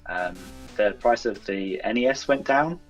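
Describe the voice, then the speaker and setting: A game developer, appearing as an interview guest, chats casually in a hesitant, self-effacing, rambling way. His medium-pitched voice is expressive and unhurried, but the audio is dull, taken from a distant mic with music playing behind him.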